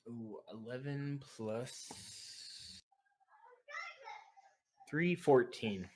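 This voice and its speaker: A tabletop game player talks slowly and casually. The phrasing is hesitant and comes out in small pieces, like someone working out a move while chatting. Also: mid-range voice, a little mellow, a little hiss or hum, poor audio.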